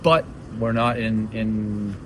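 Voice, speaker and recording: A man's voice: on the low side, flat delivery, slow pace. A young man from Belgium, a professional footballer, answering post-match interview questions thoughtfully with many restarts. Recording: noisy outdoor stadium interview.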